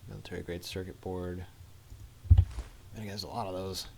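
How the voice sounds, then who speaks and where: A man's voice: deep voice, little pitch movement, normal speed, creaky, warm tone, slight background noise. A man streaming a game live, chatting casually and thinking aloud while he plays. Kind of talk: casual gameplay commentary.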